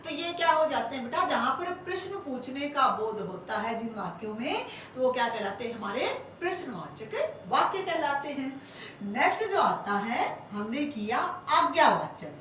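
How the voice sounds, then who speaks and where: High, lively Hindi grammar teacher woman. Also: very echoey, recorded from a distance, slight background noise, rough recording. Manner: asks rhetorical questions and answers them, calls students 'beta'; stretches example sentences slowly word by word. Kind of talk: classroom lecture for exam students.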